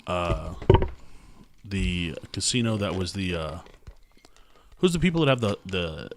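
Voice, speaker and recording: A man's voice: low voice, expressive, unhurried, heavy background noise. A man hosting a casual podcast chat among drinking friends, rambling through a story and laughing at it. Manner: rambling storyteller, laughs at his own tales. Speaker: podcast host.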